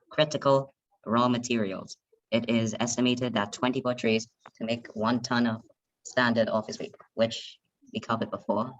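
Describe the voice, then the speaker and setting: Man leading a video-call lesson: halting, even-toned, dull dry call sound. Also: mid-range voice, no echo. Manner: halting, hesitant, many restarts. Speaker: online lesson leader. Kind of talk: leading an online group lesson. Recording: muffled video call audio.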